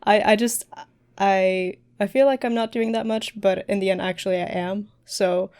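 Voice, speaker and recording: A woman's voice: mid-range voice, steady tone, moderate pace, a little mellow, clean tone. Young woman chatting easily on a podcast. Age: young adult. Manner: easygoing, giggly. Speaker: streamer and dance teacher, podcast guest. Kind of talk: casual podcast chat.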